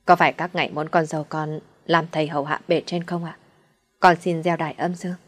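A superstitious old fortune-teller mother, read by a woman, scolding one moment and fawning in prayer the next. Her voice sits a little low. It is a storybook audio reading. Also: little pitch movement, fairly quick. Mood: praying. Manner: scolding, then fawning when praying.

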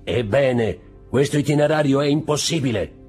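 A man's voice: medium pitch, moderate pace, darkish tone, breathy edge, faint music behind, voice pushed up, natural voice. A man voicing an obsequious Roman innkeeper in an audiobook reading, deferential and warning.

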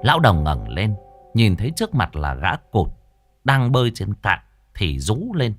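A man's voice: lowish voice, huge pitch swings, unhurried, soft background music. A man narrating a story in a vivid, earthy way.

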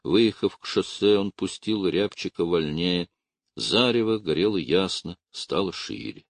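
A man reading a literary audiobook in a measured, unhurried way. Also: deep voice, expressive, no echo. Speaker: audiobook narrator.

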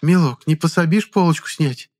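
A man's voice: a little high, steady tone, a little fast, pitched above the performer's own voice, lightly acted. Man doing a chatty old village widow. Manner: sing-song folksy chatter, affectionate. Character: fussy elderly village widow, chatty and sly.

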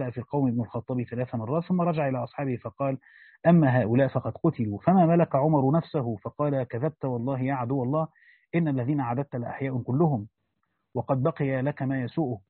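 A man's voice: mid-range voice, slightly rough, no echo. A man with an Egyptian accent reading a classical Quran commentary aloud, breaking in with colloquial explanations. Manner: reads formal text, breaks in with colloquial explanations. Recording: tinny, phone-like lo-fi recording.

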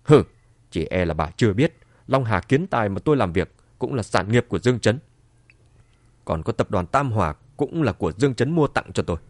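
A man voicing an angry older father who sneers in a low voice. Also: animated, fairly quick, dry recording. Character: furious older father, bitter and cold.

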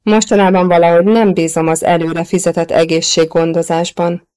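A woman's voice: on the low side, flat delivery, darkish tone, clean tone, lightly acted. A woman reading the part of a wry, grateful man in an audiobook novel. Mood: earnest.

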